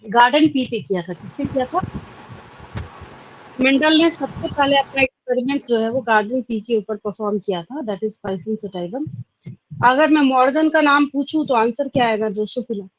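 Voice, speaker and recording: A woman's voice: high voice, moderate pace, lo-fi sound. A woman with an Indian accent giving an exam-prep biology lecture. She asks questions aloud, answers them herself and repeats the key points. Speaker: biology teacher.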